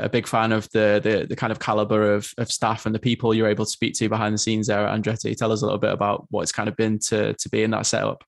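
A man's voice: lowish voice, creaky, no room sound, studio quality. A male podcast host asking long, rambling questions full of fillers and hedges.

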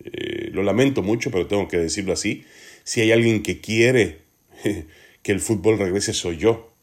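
Male sports commentator, fairly low register, serious opinion delivery, measured and emphatic. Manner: earnest, deliberate, emphatic. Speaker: sports podcast host.

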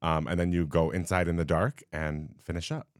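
Podcast co-host, male, very low voice, dry and close, rambly explainer with lots of "um.". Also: flat delivery, brisk, no room sound. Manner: rambling explanations, many "um"s and restarts. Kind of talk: casual chat.

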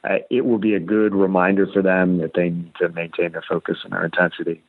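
A man giving measured sports analysis as a podcast guest, often repeating words as he starts. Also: low voice, level tone, no room sound. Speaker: podcast guest, basketball writer. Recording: dull, narrow-band call audio.

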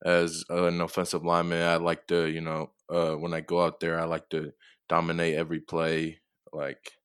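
A young man from Tonga, a football player being interviewed, answering in a soft, hesitant way with many fillers. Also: sits low, monotone, moderate pace, clear, resonant tone, no echo, studio quality. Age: young adult.

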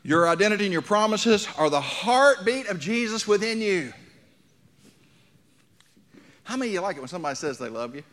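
Here a pastor in his sixties talks fast in a high, very animated voice with a fairly bright tone. His sermon to the congregation is folksy, full of anecdotes and questions aimed at his listeners.

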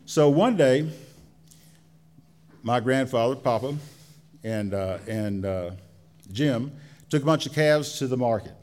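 A man with a mid-pitched voice is telling a story live on stage. His manner is folksy and colloquial. He stretches out phrases and leaves pauses between them. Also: darkish tone.

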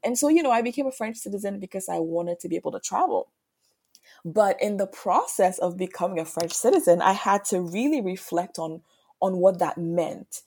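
A woman's voice: mid-range voice, lively intonation, normal speed, darkish tone, husky. A woman from Ghana, an author interviewed on a podcast, explaining her ideas thoughtfully and often circling back with "right?". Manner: thoughtful, with frequent restarts and "right?" asides. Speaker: author and guest.

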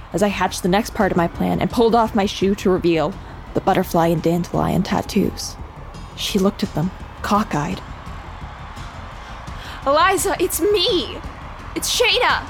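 A woman's voice: medium pitch, close to an everyday voice. A woman playing a determined young narrator. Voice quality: steady, earnest narration that turns urgent in dialogue. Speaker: first-person narrator and lead character. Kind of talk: audio drama narration and acting.

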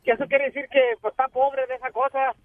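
A man's voice: very high voice, flat delivery, quick pace, faint music behind. A man co-hosting a radio show, telling a joke in a rambling, repetitive way. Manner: rambling joke-teller, repeats himself. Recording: tinny phone-like sound.

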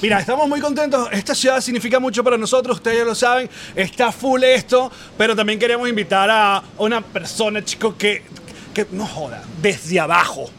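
A Venezuelan man hosting a live podcast, jokey and loud, laughing often. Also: high-pitched, a little fast, slight background noise. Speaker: podcast host. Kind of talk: casual chat. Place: live podcast before an audience.

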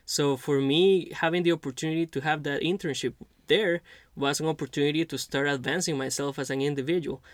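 A man in his twenties who grew up in Costa Rica, hosting a podcast interview in an earnest, halting way with many restarts. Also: on the high side, fairly even intonation, dry recording. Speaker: podcast host. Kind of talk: casual interview chat.

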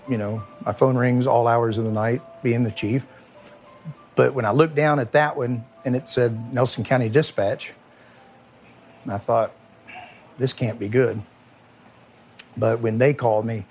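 A middle-aged man, a former police chief recalling a painful night in a halting, emotional way, often repeating words and dropping his voice. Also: mid-range voice. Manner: halting, repeats words, quiet and heavy at times. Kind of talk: emotional first-person recollection.

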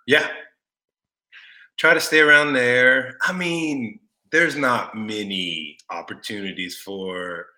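Bright-voiced easygoing man from Texas. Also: mid-range voice, takes it slowly. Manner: easygoing, laughs easily. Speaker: podcast guest, former football player. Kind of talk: casual interview chat.

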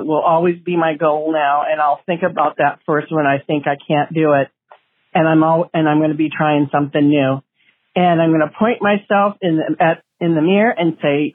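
A woman leaving an earnest, grateful voicemail message, with a few halting restarts, played back over a phone line. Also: sits low, no room sound. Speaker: listener caller.

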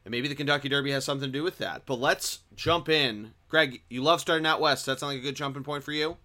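Bright-voiced man hosting a sports podcast. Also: medium pitch, fast talker. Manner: lively, runs the rundown and tosses questions to co-hosts. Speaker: podcast co-host leading the segments. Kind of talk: casual sports podcast chat.

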